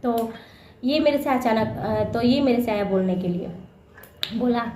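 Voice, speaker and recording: A woman's voice: fairly high pitch, a little slow, dark tone. A young woman vlogger telling a personal story to her viewers in a chatty way, repeating phrases and acting out what people said. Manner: chatty, repeats phrases, acts out quoted lines. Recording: echoey room with faint ambient noise.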